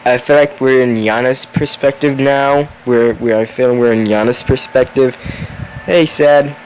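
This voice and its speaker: A man's voice: mid-range voice, flat delivery, moderate pace, darkish tone, a little hiss or hum, rough recording. A tired young man reading a spooky story aloud, yawning, with chatty asides and the odd curse. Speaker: story reader.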